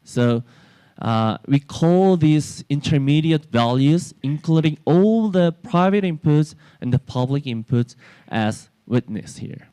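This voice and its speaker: Slow-talking Korean-accented man presenting. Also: on the high side, lively intonation, warm tone, smooth, no room sound. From South Korea. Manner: halting, many fillers and restarts. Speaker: workshop presenter. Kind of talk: technical lecture. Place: conference workshop room.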